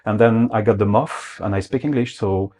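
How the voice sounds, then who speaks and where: A man with a French accent, speaking halting, thoughtful English as an interview guest explaining his craft. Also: on the low side, darkish tone. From France. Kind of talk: conversational interview.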